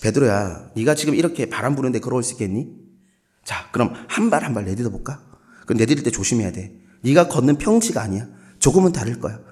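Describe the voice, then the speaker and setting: A Korean pastor putting on the voice of a soft, patient Jesus coaxing a disciple step by step in a sermon. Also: male voice, mid-range voice, expressive, fast talker, natural voice. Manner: soft, over-careful encouragement. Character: gentle coaxing Jesus, grown man, patient and fussy.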